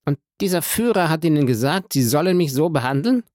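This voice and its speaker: A man's voice: fairly high pitch, expressive, fairly quick, a little mellow, no echo, studio quality, pitched above the performer's own voice, close to an everyday voice. A man reading an audiobook and voicing a panicked, greedy banker held prisoner, who pleads and bargains in frantic outbursts. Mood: questioning.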